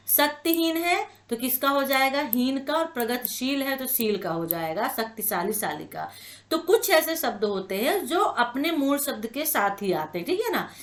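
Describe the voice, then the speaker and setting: A woman teaching an exam-prep lesson, explaining patiently, repeating each word and checking in with her students. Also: on the high side. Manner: explanatory, repeats words slowly with frequent "ठीक है ना" check-ins. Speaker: online exam-prep tutor. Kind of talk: spoken exam-prep lecture.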